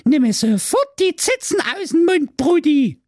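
A man voicing a fussy, dramatic young sister in an exaggerated shrieking falsetto. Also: sing-song, unhurried, darkish tone, dry recording, clean studio sound, heavily acted. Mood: shrill.

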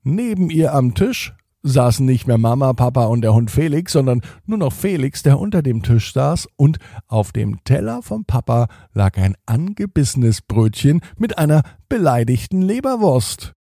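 A man narrating a children's story slowly and gently, with expressive read-aloud delivery. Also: mid-range voice, vocal fry, no room sound, studio quality.

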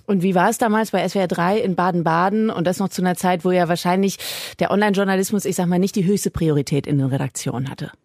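A woman's voice: lowish voice, quick pace, darkish tone, no room sound, clean studio sound. A woman hosting a podcast interview, asking casual, probing questions. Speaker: podcast host.

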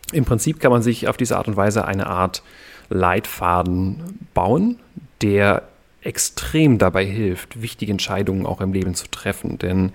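Calm, measured German man explaining. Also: lowish voice. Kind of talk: podcast conversation.

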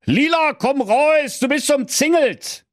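A man voicing a gruff, hungry male wolf in a comic audio fairy tale. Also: medium pitch, huge pitch swings, slow pace, bright, forceful tone, no room sound, studio quality, exaggerated voice. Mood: bellowing.

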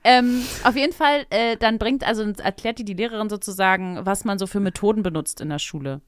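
A woman's voice: medium pitch, a little fast, no room sound, studio quality. A woman in her thirties, co-hosting a podcast and telling a story in casual chat, acting out the people she quotes. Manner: animated storyteller, acts out quotes, laughs often. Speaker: podcast co-host.

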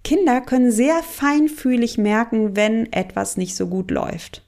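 A woman's voice: on the high side, unhurried, a little mellow. A woman coach giving a monologue, explaining and addressing the listener directly.

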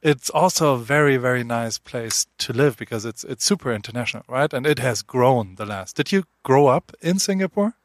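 A man's voice: mid-range voice, lively intonation, moderate pace, few pauses, no echo. Chatty, playful male podcast host. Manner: chatty and playful, teasing his guest. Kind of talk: casual interview chat.

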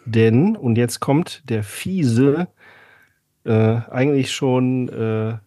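A man's voice: medium pitch, very slow, dark tone, no echo, studio quality. A man co-hosting a podcast in casual chat, telling a story sarcastically with many fillers. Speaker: podcast co-host.

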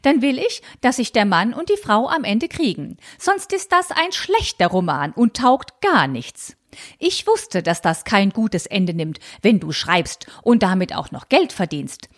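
A woman's voice: mid-range voice, big pitch swings, a little slow. A woman reading aloud and voicing a fussy, anxious, old-fashioned elderly aunt who frets about convention. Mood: fretful. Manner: fretful, scandalized, clinging to convention.

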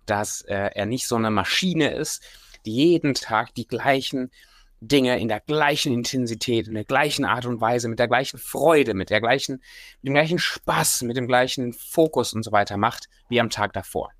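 A man's voice: mid-range voice, no echo, studio quality. A man hosting a livestream as a coach, talking informally and directly to the listener in casual motivational talk and guided exercises. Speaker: livestream host, self-development coach.

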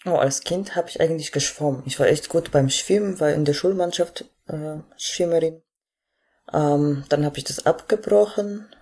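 A woman's voice: deep voice, moderate pace, warm tone, slightly rough. A woman, a podcast guest talking casually with many hesitations. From Poland. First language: Polish. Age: 20s. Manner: hesitant, many fillers, laughs easily. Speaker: guest athlete and coach.

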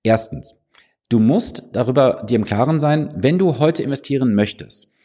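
Speaking from his office at a normal speed, this financial advisor has a medium-pitched, warm voice with a breathy edge and lively intonation, plus a slight cold. On his finance podcast he looks into the camera and gives the listener direct, persuasive advice.

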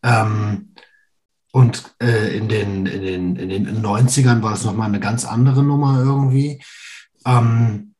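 Warm-voiced man hosting a podcast. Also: fairly low pitch, fairly even intonation, unhurried. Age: 30s. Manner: engaged, asks follow-up questions. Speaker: podcast host. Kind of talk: casual interview.

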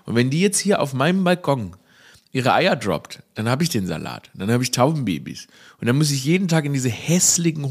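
A man's voice: mid-range voice, creaky, husky. A man, a comedian rambling through a casual, jokey podcast monologue full of self-irony. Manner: rambling, self-ironic, jokey, laughs at his own stories.

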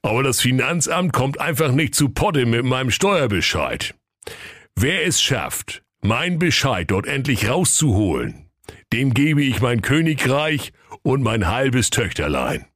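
A man voicing a small, fat, grouchy king in a comic radio fairy tale, gruff and blunt. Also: mid-range voice, sing-song, unhurried, a bit bright, no echo, studio quality, voice pushed up. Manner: gruff, blunt, name-calling.

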